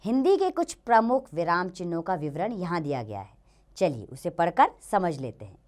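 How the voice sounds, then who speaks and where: A woman narrates a children's grammar lesson. Her voice rises and falls a lot as she talks. She speaks slowly, in a sing-song teaching way. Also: lowish voice, very animated, darkish tone.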